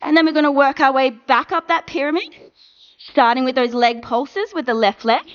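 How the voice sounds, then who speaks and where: Brisk, encouraging woman fitness instructor. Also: high-pitched, muffled recording. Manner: encouraging, brisk coaching with countdowns. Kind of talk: live workout cueing.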